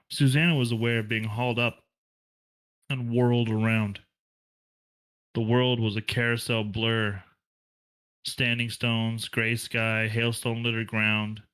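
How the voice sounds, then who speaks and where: A man's voice: fairly low pitch, clean tone, rough recording. Man reading a novel aloud. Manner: plain, steady read-aloud with occasional slips and restarts. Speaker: book club reader.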